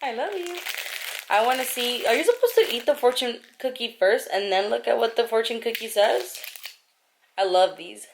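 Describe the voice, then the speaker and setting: A young woman vlogs with a slightly high, expressive voice at normal speed, with vocal fry and background noise. Holding the camera close, she chats and rambles full of fillers and asides, first in a car and then at home.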